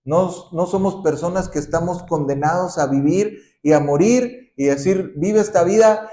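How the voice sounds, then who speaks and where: A man pastor preaching a sermon, often asking the congregation questions and ending points with a quick "¿sí?". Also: fairly high pitch, mellow. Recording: roomy echoing hall.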